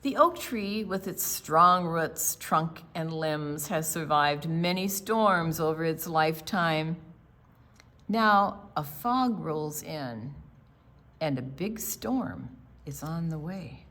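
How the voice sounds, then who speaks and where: A woman reads a picture book aloud to young children at storytime, her voice sitting low. She delivers it deliberately and expressively, dropping casual asides about the pictures.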